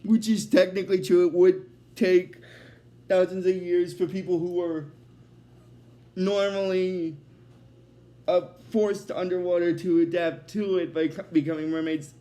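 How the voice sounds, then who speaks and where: A man's voice: sits high, flat delivery, unhurried, pauses often, mellow. A man hosting a casual, unscripted episode recap, rambling along and leaning heavily on "basically" with frequent restarts. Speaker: host of an episode recap series.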